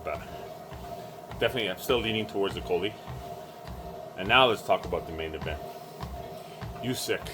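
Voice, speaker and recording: A man giving casual, halting solo sports commentary, thinking aloud while exercising on a treadmill. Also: sits low. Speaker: boxing vlogger giving fight predictions. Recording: music playing behind the voice.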